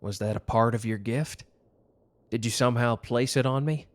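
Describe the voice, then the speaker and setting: Speaking at normal speed in a mid-range, everyday-sounding voice, a man plays a hot-tempered but protective and devoted mafia lover. His earnest lines in this intimate romantic audio drama carry a tender, reflective mood.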